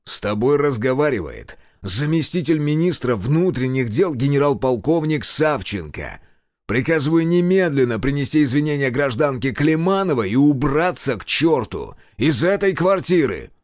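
A man's voice: mid-range voice, wildly swooping pitch, unhurried, darkish tone, no echo, studio quality, heavily acted. A man voicing a commanding general in his fifties, roaring over a phone line in an audiobook. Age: 50s. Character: roaring older male general on speakerphone.

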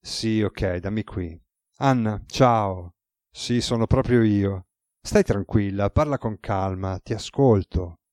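A weary, ironic male god with a relaxed, teasing way of speaking, voiced by a man reading a novel aloud. The voice sits low and mellow. The recording is close and dry. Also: takes it slowly, no echo. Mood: calm.

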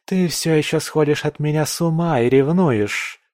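For an audiobook, a man takes on the role of a provocative, defiant young woman journalist, sounding sharp-tongued, haughty and taunting. The performance is lightly acted, a little high and above his natural pitch, at a normal speed. No echo, clean studio sound.

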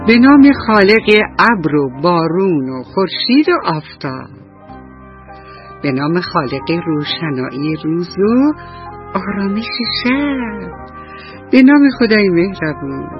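A woman radio storyteller narrating a bedtime story for children in an affectionate, soothing, sing-song way, with a husky voice. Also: fairly low pitch, sing-song, dull audio, soft background music.

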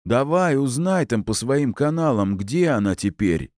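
A man voicing a drunk, foul-mouthed, hot-tempered middle-aged man who shouts and drags out his words. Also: mid-range voice, big pitch swings, dry recording, clean studio sound, pitched above the performer's own voice. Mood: furious, drunk. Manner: shouting, coarse, drawn-out words.

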